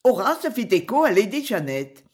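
A narrator reading a classic novel aloud in a slow, expressive storytelling manner. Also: mid-range voice. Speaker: audiobook narrator. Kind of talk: scripted literary narration.

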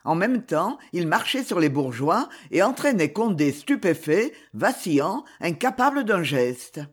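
An audiobook narrator reading a dramatic novel with expressive storytelling. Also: medium pitch, unhurried, slightly rough.

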